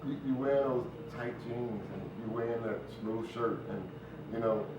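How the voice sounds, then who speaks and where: A middle-aged American stage play writer speaks as an interview guest, casual and earnest, often dropping in conversational asides. His mid-range voice has fairly even intonation and a normal pace. The audio is noisy and very echoey, captured with a distant mic and the highs cut off.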